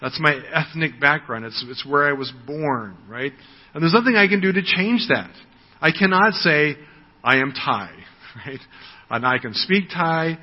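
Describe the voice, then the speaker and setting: A man's voice: a little high, expressive, unhurried. An American man in his sixties giving a conversational sermon, often asking "right?" and repeating words as he starts a thought. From United States. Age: 60s. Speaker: preacher. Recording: dull audio with long hall reverb.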